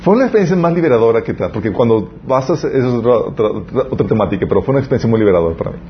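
A man's voice: mid-range voice, very fast. A young man, giving a conversational sermon as a youth preacher, telling stories and speaking straight to his audience. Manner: lively storytelling, addresses the audience directly. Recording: slightly muffled recording with faint background noise.

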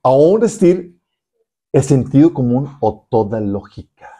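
Here a youth pastor with a medium-pitched voice preaches at an unhurried pace. His sermon to young people is animated, full of rhetorical questions aimed right at his audience.

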